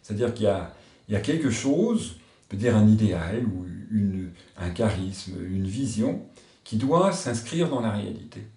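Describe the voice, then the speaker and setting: With a lowish, mellow and expressive voice at normal speed, a man from a religious order reflects in an interview, sincere and thoughtful as he thinks aloud. The room echoes and the microphone is set at a distance.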